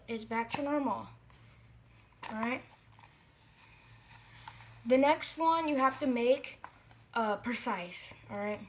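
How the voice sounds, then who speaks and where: In a casual DIY vlog, a video creator walks through a craft tutorial, rambling, correcting themselves, and repeating points for emphasis. The voice is medium in pitch with a fairly bright tone, and there's a little hiss or hum.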